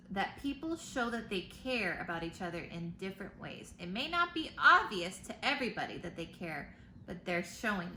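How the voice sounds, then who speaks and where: During storytime, a woman teacher with a medium-pitched, sharp-toned voice reads a picture book to children, stopping to ask questions and explain things simply. The recording has a roomy echo and a faint hum of background noise.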